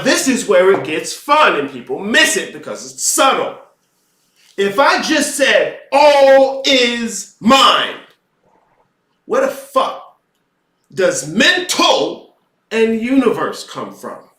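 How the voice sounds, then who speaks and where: High-voiced profane man ranting. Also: big pitch swings, slow, roomy sound, distant mic. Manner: emphatic and profane, swings from quiet asides to loud rants. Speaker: podcast host lecturing on occult philosophy. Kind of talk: profane impassioned monologue.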